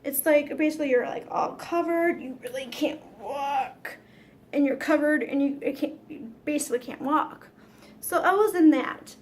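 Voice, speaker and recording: A woman with a high, light voice tells a story straight to her viewers. She is chatty and dramatic, and she drops swear words casually. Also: moderate pace, slight background noise. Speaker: vlogger.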